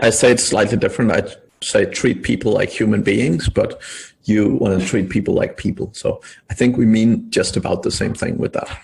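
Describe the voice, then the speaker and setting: A man's voice: mid-range voice, gravelly, a little hiss or hum, rough recording. A man hosting a business podcast, asking loose, rambling questions with a joking streak. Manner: jokey, asks rambling questions. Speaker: podcast host. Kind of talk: casual interview.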